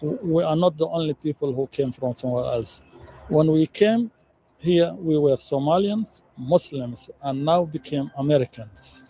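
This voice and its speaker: A man answering questions in a street interview outdoors, speaking in a halting, measured way with pauses. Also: on the high side, expressive, mellow, slight background noise, low-quality recording.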